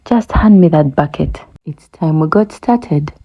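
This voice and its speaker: A woman's voice: low voice, animated, measured pace, mellow, breathy edge, dull audio, full character voice. A woman voicing a determined male elephant in a storybook read-aloud, urging the others on. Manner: urging, a little disgusted.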